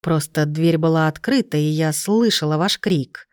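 A woman's voice: low-pitched, moderate pace, dry recording, clean studio sound, close to an everyday voice. A woman reading a timid apologetic woman.

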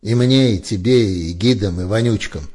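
A man voicing a gruff, blustering middle-aged boss of a criminal hideout. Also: fairly low pitch, normal speed, darkish tone, pitched above the performer's own voice. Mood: lecturing.

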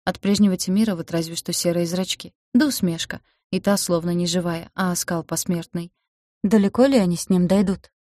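A woman reads a story aloud in a low, mellow voice, with even storytelling. The recording is very dry and close, with no room sound. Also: brisk, no room sound. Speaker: audiobook narrator. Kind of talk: scripted narration.

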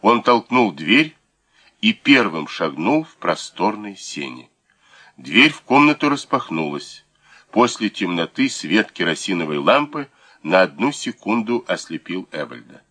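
A man reads an audiobook aloud with expressive, measured storytelling. His voice is very low yet bright, and his pitch moves a lot. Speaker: audiobook narrator. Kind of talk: scripted audiobook narration.

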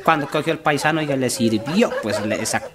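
A middle-aged man with a Nariño Colombian accent telling regional jokes, laughing at his own punchlines and jumping high for quoted voices. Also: brisk, noisy background. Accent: Nariño Colombian Spanish. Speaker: joke teller.

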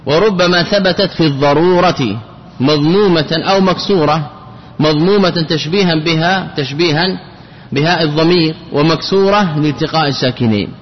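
Briskly, with a breathy edge to his slightly high voice, a male teacher lectures on grammar in a classroom. Rhetorical questions and repeated key phrases fill his explanations. The recording sounds dull and lo-fi and carries long hall reverb.

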